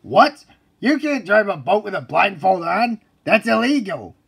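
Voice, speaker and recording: Cartoon male drill instructor: high, husky, blustering, barking military commands. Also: very animated, a little slow, a bit bright, exaggerated voice. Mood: alarmed. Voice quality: gravelly, husky. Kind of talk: cartoon voice acting.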